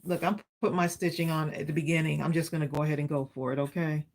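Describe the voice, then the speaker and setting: A woman's voice: sits low, steady tone, fast talker, darkish tone. A woman hosting a live crafting stream, chatting and encouraging viewers while she demonstrates stamping. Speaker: craft livestream host. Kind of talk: live crafting demo chat.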